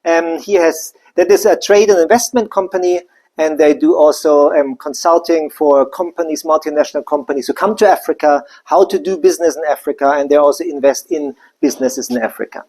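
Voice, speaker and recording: A company presenter from Germany gives a live business presentation loosely and conversationally, with plenty of side remarks. The voice is mid-range, brisk and darkish in tone.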